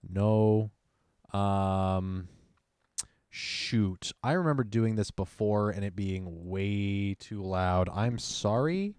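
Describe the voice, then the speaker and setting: A man's voice: lowish voice, very slow, a little mellow, clean tone, dry recording, studio quality. A young man co-hosting a podcast in casual chat, reading announcements aloud and adding side comments. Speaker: podcast co-host.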